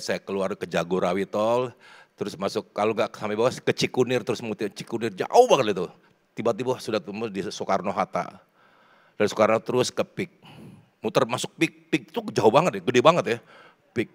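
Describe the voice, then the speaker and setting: A man from South Sumatra preaching a sermon to his congregation, swinging between loud pleading and hushed prayer. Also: on the low side. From South Sumatra, Indonesia. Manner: repeats words, addresses congregation directly. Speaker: pastor. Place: church.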